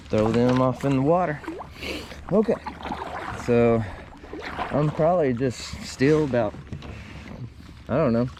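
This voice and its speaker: A man's voice: mid-range voice, warm tone, slight background noise. A man giving casual, folksy fishing commentary for his vlog, recorded outdoors in a kayak on a river.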